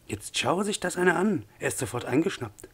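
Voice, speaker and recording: A man voicing a smug, patronizing male company official with a husky voice. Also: mid-range voice, fast talker.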